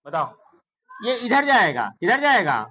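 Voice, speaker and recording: A woman's voice: medium pitch, sing-song, unhurried, fairly bright tone, low-quality recording. A woman math teacher in a classroom, counting digits aloud, mixing in English number words, and quizzing her pupils with repeated questions in a coaxing way. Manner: calls pupils "beta" in a coaxing tone. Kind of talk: classroom lesson.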